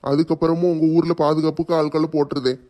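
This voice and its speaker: Quick, monotone man reassuring. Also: fairly high pitch. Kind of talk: family skit acting.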